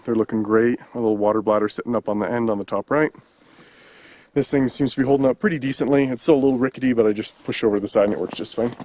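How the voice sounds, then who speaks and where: A man's voice: medium pitch, a little hiss or hum. A man hosting a camping vlog, telling a story by the fire in a casual, chatty way outdoors at a winter campsite. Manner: chatty, animated when telling stories. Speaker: channel host.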